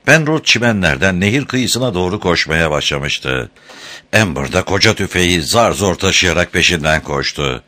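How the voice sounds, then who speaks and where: A man narrating an audiobook chapter in an expressive, dramatic reading style. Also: low voice. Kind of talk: scripted narration.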